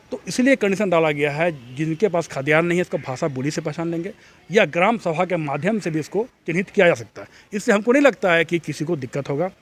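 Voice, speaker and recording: Man, slightly high voice, earnest, explanatory, interview answer. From Jharkhand. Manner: earnest, explanatory, with frequent restarts. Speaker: activist interviewee.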